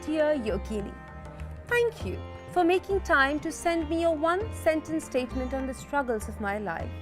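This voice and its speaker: A smug spiritual guide voiced by a woman doles out advice in a high, slow, mock-soothing voice. Faint music plays beneath her. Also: sing-song. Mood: serene. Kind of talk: sketch comedy.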